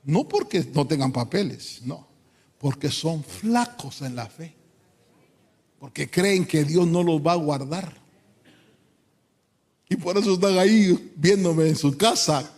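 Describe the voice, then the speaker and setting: A man preaching a sermon in church, fervent, swinging from quiet asides to loud pleading. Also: fairly high pitch, slow pace, pauses often, breathy edge. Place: church hall. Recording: long hall reverb.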